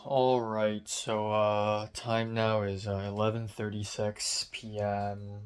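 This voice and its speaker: A young Hong Kong man records a casual late-night diary vlog, his throat sore and strained. His voice sits lowish and level, slow and clean in tone, as he rants with sarcasm, swearing and mocking himself.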